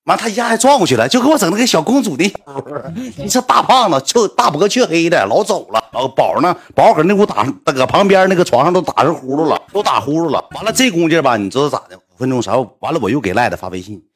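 A man with a Northeastern Mandarin accent telling a story in casual chat, animated and acting out the voices of the people in it. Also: fairly high pitch, quick pace. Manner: animated, acts out quoted voices.

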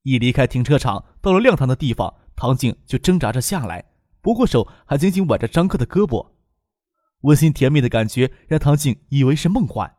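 Expressive male audiobook narrator, dry sound. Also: medium pitch, fairly quick, no echo. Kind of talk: scripted novel narration.

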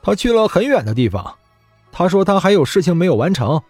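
A man's voice: high voice, very animated, fairly quick, darkish tone, slightly rough, dry recording, faint music behind, pitched above the performer's own voice, heavily acted. Weary rueful young man, read by a man.

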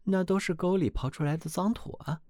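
A man's voice: high-pitched, fairly quick, warm tone, dry recording, clean studio sound, voice pushed up, natural voice. A man voicing two proud young brothers who mock and sneer in a storybook reading. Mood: scornful. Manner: scornful, sneering.

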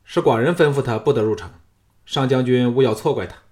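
A man voicing a young, proud and scheming king who is uneasy before his general, speaking in a raised, forceful voice in an audiobook. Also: mid-range voice, lively intonation, measured pace, close to an everyday voice.

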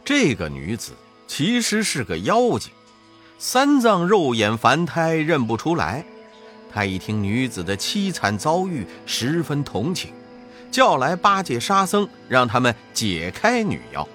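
A man narrating a classic storybook tale with expressive rises and falls. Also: medium pitch, measured pace, faint music behind. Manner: expressive, rising and falling for effect.

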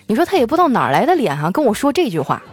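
A woman full of delivers a scripted comic monologue. She tells her stories in an animated way. Faint music plays underneath her voice. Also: fairly high pitch, racing. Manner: animated storytelling, acting out quoted lines in raised voices. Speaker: comedy radio host.

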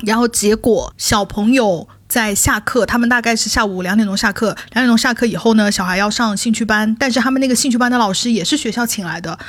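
A woman telling stories in a casual chat, animated, often laughing and building to mock outrage. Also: fairly high pitch, quick pace, few pauses, no echo.

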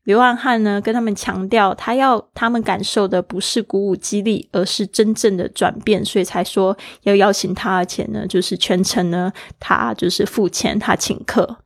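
A woman's voice: mid-range voice, steady tone, normal speed, creaky, few pauses, no room sound, studio quality. A woman teaching an English lesson, explaining words and spelling them letter by letter, switching often between her own language and English.

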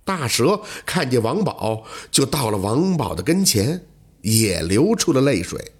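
Husky, animated male storyteller. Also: mid-range voice. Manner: animated storytelling with dramatic pauses. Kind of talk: scripted folk tale narration.

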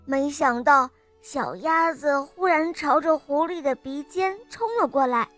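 A woman narrating a children's picture book, gentle and expressive, talking to young listeners. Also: high-pitched, unhurried, soft background music. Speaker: children's storyteller. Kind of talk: storybook narration.

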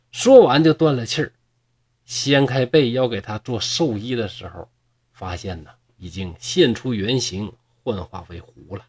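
Husky animated male storyteller. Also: medium pitch. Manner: lively, drawn-out sentence-final particles.

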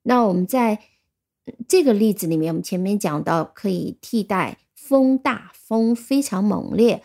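A middle-aged woman teaches a vocabulary lesson in a patient, explanatory way. Her voice has a gravelly edge and a dark, mellow tone. She spells words out slowly and repeats each example. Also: medium pitch, lively intonation. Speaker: English teacher.

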